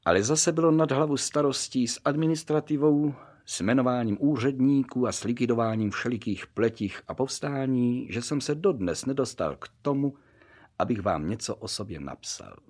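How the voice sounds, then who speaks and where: A man reading a formal letter aloud in an expressive voice. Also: mid-range voice. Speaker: reader.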